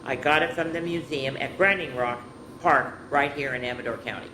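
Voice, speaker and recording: With a rumbling low voice at a moderate pace, this woman hosts a children's story time, reading picture books and breaking off for chatty, playful comments. The sound is roomy and carries some background noise.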